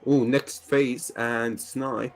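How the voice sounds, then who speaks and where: A man doing casual, jokey sim racing commentary, laughing often and calling incidents with sudden excitement. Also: mid-range voice, extremely slow.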